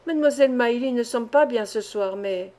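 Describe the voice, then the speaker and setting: A woman's voice: a little high, fairly quick, mellow, lightly acted. A woman voicing an earnest young orphan boy in a storybook reading, pleading and sincere.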